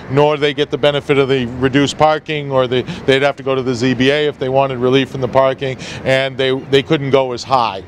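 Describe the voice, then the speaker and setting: A middle-aged man leading a walking tour outdoors on a town street, explaining with lots of figures and fillers into a handheld mic. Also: a little high. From New England. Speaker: tour guide. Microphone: handheld mic, filmed by a nearby camera. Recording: faint street noise outdoors.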